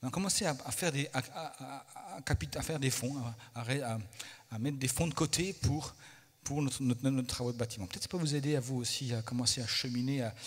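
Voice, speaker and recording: A man preaching a sermon as pastor, telling stories in an animated way with many restarts. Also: mid-range voice, fairly quick, slightly rough. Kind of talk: sermon teaching. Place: church hall. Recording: long church hall reverb.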